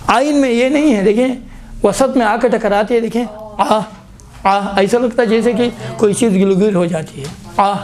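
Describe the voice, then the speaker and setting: A man's voice: high voice, faint music behind. Man teaching recitation, sounding out letters. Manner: repeatedly demonstrates letter sounds aloud, prompting "look". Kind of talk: classroom tajweed lesson.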